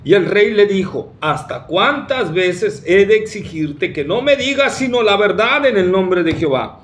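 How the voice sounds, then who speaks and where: A man's voice: sits high, expressive, measured pace, fairly bright tone. A man preaching a sermon, emphatic and full of rhetorical questions to the congregation.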